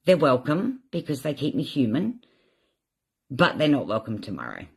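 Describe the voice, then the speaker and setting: A woman's voice: very deep voice, very animated, normal speed, vocal fry, husky. A woman hosting a candid live stream, talking in an emotional, rambling, self-reflective way while feeling tearful and drained.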